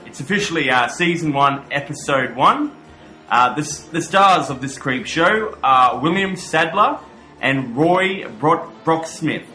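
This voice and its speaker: A man's voice: fairly high pitch, lively intonation, unhurried, bright, forceful tone, echoey room. A man hosting a horror podcast, giving commentary with some horror-host flourishes.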